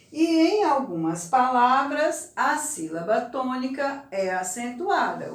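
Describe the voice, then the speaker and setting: A woman teacher giving a recorded lesson to young children, stretching out words slowly to show the stressed syllable. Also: fairly high pitch. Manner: slow, drawn-out word stressing for children. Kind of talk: recorded remote class lesson. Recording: echoey room, voice from far off.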